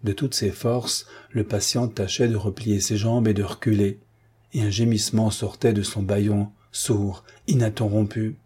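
Male audiobook narrator, measured dramatic read, mellow low voice. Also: level tone, breathy edge. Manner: measured, dramatic literary reading. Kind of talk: scripted narration.

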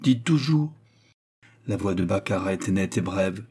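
A man narrating a literary novel as an audiobook in a measured storytelling manner. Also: low voice, level tone, darkish tone, slightly rough.

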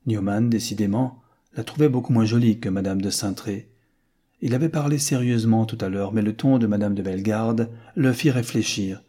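Male audiobook narrator, husky voice, dark warm tone, measured reading. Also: lowish voice. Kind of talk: scripted narration.

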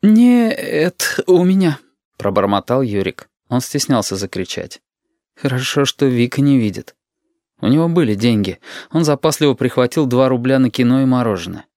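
A man narrating an audiobook in an even, measured storytelling voice. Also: medium pitch, no echo, clean studio sound.

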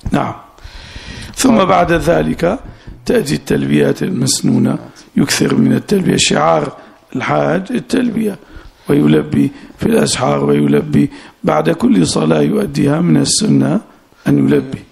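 A man's voice: fairly high pitch, sing-song, normal speed, creaky, darkish tone, breathy edge. A sheikh giving a classical Arabic lesson in a mosque, explaining the text line by line and often saying "yes" as he goes. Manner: explains phrase by phrase, often interjects "na'am". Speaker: sheikh teaching a fiqh text.

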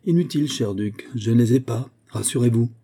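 A man reading a storybook voices a suave, ironic gentleman thief who is coolly polite and menacing. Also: mid-range voice, brisk, slightly rough. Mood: ironic menace.

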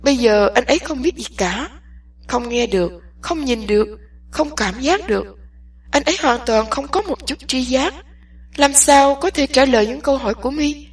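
A woman's voice: sits high, expressive, moderate pace, husky, far from the mic, pitched above the performer's own voice. A woman doing an anxious, pleading young friend. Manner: urgent, pleading, agitated.

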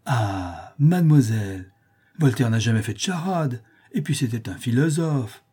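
A man's voice: medium pitch, expressive, a little slow, mellow, slightly rough. A man voicing a pompous old count-poet. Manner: pompous, self-admiring, emphatic. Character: vain pompous older male count, amateur poet.

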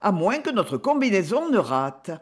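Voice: sing-song, moderate pace, husky. A reader voicing a cunning, self-satisfied young man plotting a ruse, in an audiobook. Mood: smug. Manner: low, sly, self-satisfied. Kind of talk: audiobook character voice.

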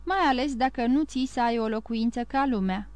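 A calm, ironic nobleman from an audiobook, asking dry and probing questions as a woman reader voices him. The voice sits fairly high and sounds smooth and clear. There is no room echo at all. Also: lightly acted. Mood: musing.

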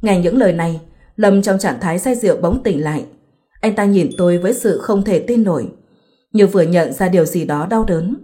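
Woman narrator, first-person story, low pitch, mellow tone, measured reading.

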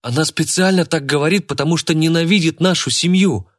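A man's voice: on the high side, fairly quick, voice pushed up, close to an everyday voice. A man voicing a protective mother who scolds and protests indignantly. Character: protective stern mother, sharp-tongued.

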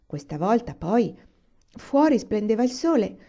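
A woman reading a children's novel aloud in a calm, unhurried storytelling manner. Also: a little high, highs cut off. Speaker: reader.

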